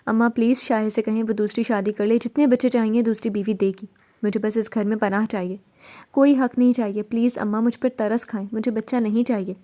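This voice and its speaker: A woman's voice: a little high, level tone, hardly any pauses, dark tone, natural voice. A woman reading the part of a distraught young wife who pleads insistently. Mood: pleading.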